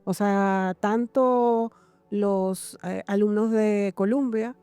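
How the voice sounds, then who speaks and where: A woman's voice: mid-range voice, fairly even intonation, takes it slowly, warm tone, clear, resonant tone, no room sound. A woman interviewer asking questions in a casual, conversational way.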